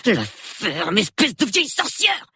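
A man reading an audiobook, voicing a nervy, sulky young artist who talks in a rushed, shaky, sullen way. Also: a little high, animated, bright, forceful tone, husky, no echo, clean studio sound, pitched above the performer's own voice, full character voice. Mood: shaken. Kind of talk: audiobook character voice.

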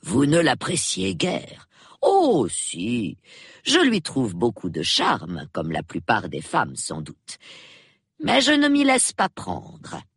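A woman reading an audiobook, voicing a gentle, shrewd elderly lady who speaks softly and observantly. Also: very deep voice, huge pitch swings, takes it slowly, breathy edge, dry recording, clean studio sound, exaggerated voice. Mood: quietly shrewd.

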